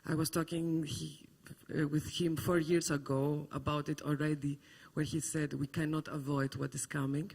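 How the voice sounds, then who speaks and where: Husky guy moderating a panel, rambly and thoughtful. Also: on the high side, flat delivery, normal speed, few pauses, darkish tone. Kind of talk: public panel discussion.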